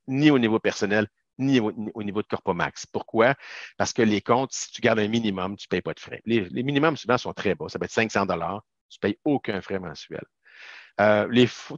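A man's voice: lowish voice, fairly bright tone, no echo. Man, Québécois accent, chatty emphatic presenter, webcam call, dry and a bit muffled. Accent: Québécois French. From Quebec, Canada. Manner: emphatic, chatty with informal asides. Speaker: business lawyer presenting a webinar. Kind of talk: webinar presentation over slides. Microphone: video call webcam.

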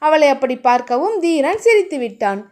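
A woman narrating a romance audiobook in an expressive, animated way. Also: sits high, a little fast.

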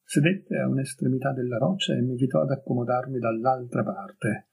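A man reading a story aloud as an audiobook, in a calm and measured narrating voice. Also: medium pitch, creaky, breathy edge, low-quality recording. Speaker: audiobook reader.

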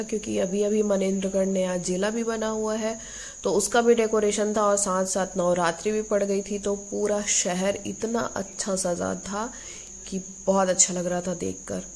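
Young woman narrating a travel vlog, mellow. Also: medium pitch, rough recording. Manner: relaxed storytelling, speaks to viewers as "guys". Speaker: vlogger.

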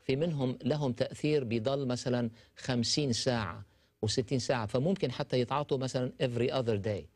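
A man's voice: mid-range voice, fast, a little mellow, no echo. A man, a doctor explaining treatments as a guest in a TV studio, mixing in English medical terms. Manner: explanatory, gestures while talking, mixes in English terms. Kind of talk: medical talk show discussion.

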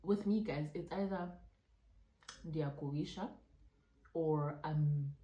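Eating and laughing a lot, a South African woman in her twenties runs a casual mukbang Q&A from a room at home, sprinkling in local phrases. She's a YouTuber with a low, mellow voice and a slow delivery, captured in a muffled, echoey recording.

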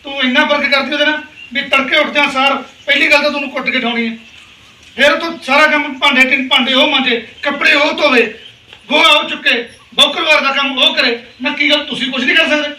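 A man's voice: very high-pitched, steady tone, fast talker, bright, forceful tone, exaggerated voice. A man playing a weary pleading father. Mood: reproachful. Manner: reproachful, pleading, lecturing. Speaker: actor. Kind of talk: village family drama acting. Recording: roomy, distant mic.

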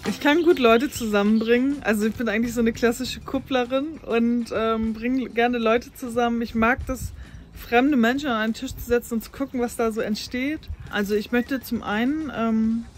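A woman in her 30s from North Frisia, northern Germany, who blogs about farm life, speaks casually in an interview on a farm lawn next to a brick farmhouse. Her voice is a little high and steady, at normal speed, with faint music in the background. She chats freely, laughs easily, and often uses fillers and restarts.

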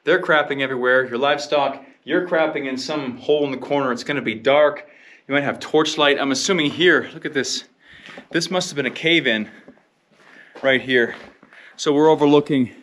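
A man vlogging outdoors while exploring cave dwellings, excitable and thinking aloud, with casual swearing. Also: medium pitch, moderate pace. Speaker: travel vlogger. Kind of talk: on-location vlog talk. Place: outdoors in rock caves.

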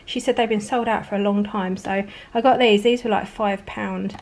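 A woman's voice: mid-range voice, fairly even intonation, moderate pace, background noise. A woman in her thirties from England, casually chatting through a grocery haul at home while filming on a handheld phone, thrifty and full of rambling asides. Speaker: family vlogger. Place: home kitchen, indoors. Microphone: handheld phone camera filming groceries.

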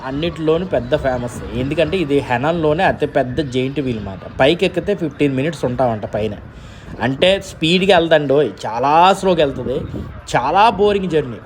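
A young man with a Telugu accent, chatting directly to viewers as he vlogs an outdoor amusement park on an action camera. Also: on the high side. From India. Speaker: travel vlogger. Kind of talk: casual vlog narration. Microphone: handheld action camera. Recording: noisy outdoor park ambience.

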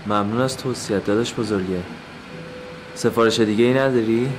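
An actor playing an angry, suspicious factory owner who confronts people head-on. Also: male voice, on the low side, noisy background, lightly acted. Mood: irritated. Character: hot-tempered factory owner, suspicious brother.

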